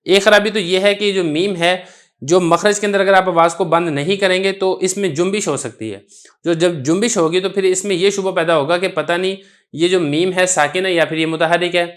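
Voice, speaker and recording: A man with a Pakistani Urdu accent gives a Quran recitation lesson, speaking in a fairly high voice. He explains each rule patiently and goes over it more than once. He recites example words slowly and clearly to show how they should sound. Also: fairly even intonation, a bit bright. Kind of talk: tajweed lesson explaining a text.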